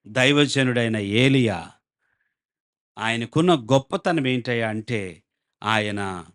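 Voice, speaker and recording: A man's voice: lowish voice, fairly bright tone. A male pastor preaching a sermon with a Telugu accent, asking the congregation questions and acting out the people in his story. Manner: dramatic, acts out quoted voices, asks the congregation questions.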